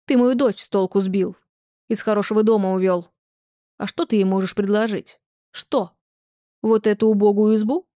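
A woman's voice: medium pitch, steady tone, moderate pace, mellow, dry recording, studio quality, close to an everyday voice. A woman voicing a stern, domineering grandmother who scolds harshly. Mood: angry.

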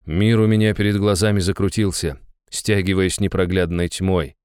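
Deep-voiced male audiobook narrator. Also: fairly even intonation, moderate pace, darkish tone, smooth, no echo, studio quality. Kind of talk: first-person fantasy audiobook narration.

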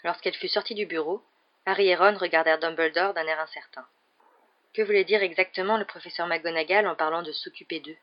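A measured, expressive audiobook narrator reading a novel chapter. The voice sits in a middle register, and the recording is dull and lo-fi. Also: mid-range voice.

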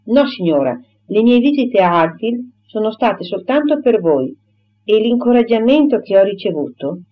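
A woman's voice: mid-range voice, very animated, moderate pace, pitched above the performer's own voice, natural voice. A woman voicing a flowery, self-important young clergyman who courts effusively and takes offense, on a dull lo-fi recording. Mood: offended. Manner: effusive, formal and wounded pride.

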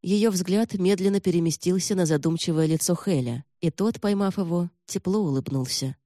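A woman narrating an audiobook in an even, measured way. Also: lowish voice, no echo, clean studio sound. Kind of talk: scripted narration.

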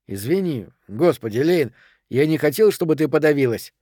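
A brash, hot-tempered young man who blusters and snaps, voiced by a male audiobook reader. The voice sits a touch high and dry, pushing hard on every line. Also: lively intonation, normal speed, dark tone, no echo. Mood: pleading.

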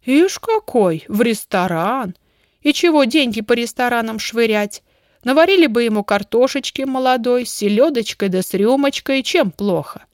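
A woman's voice: on the high side, animated, moderate pace, dry recording, studio quality, voice pushed up, lightly acted. A woman voicing a nosy, grumbling old village landlady who talks in rustic, folksy speech. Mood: teasing, scolding. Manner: rustic colloquial speech, fussing and scolding.

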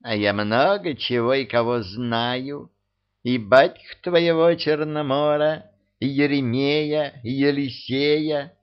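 A man's voice: medium pitch, slow pace, smooth, pitched above the performer's own voice, natural voice. A man voicing a homely, cunning old witch held in chains, chatty, folksy and coarse. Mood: knowing. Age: older. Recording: dull lo-fi audio.

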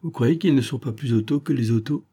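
A man's voice: medium pitch, fairly quick, mellow, slightly rough, voice pushed up, close to an everyday voice. A man voicing an eager streetwise boy errand runner who talks in slang. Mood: cocky. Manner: slangy, pleading.

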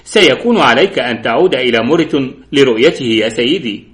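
A man's voice: medium pitch, expressive, fast, fairly bright tone, lightly acted. A man voicing a cautious, rule-bound male police inspector who raises respectful objections. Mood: doubtful.

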